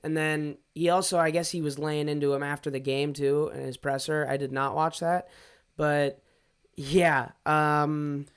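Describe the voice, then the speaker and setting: A young man in loose podcast sports talk, with a slightly high, smooth and clear voice. He is animated and blunt, and swears freely when he is frustrated. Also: a little slow. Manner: animated, profane outbursts. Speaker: podcast co-host. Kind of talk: casual sports chat.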